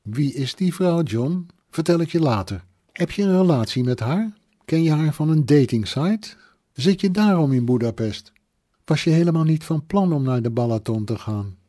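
A man's voice: medium pitch, animated, moderate pace, warm tone, no room sound, studio quality, pitched above the performer's own voice, lightly acted. A male audiobook reader voicing an anxious, prying middle-aged mother who fires worried questions down the phone. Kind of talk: audiobook narration.

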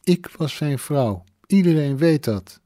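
A man's voice: a little high, animated, dark tone, dry recording, voice pushed up. A man voicing a tipsy, grieving woman of thirty-one who slurs, drags her words and gropes for them. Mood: tipsy, wistful. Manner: slurred, drawn-out, searching for words. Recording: dry close studio sound.

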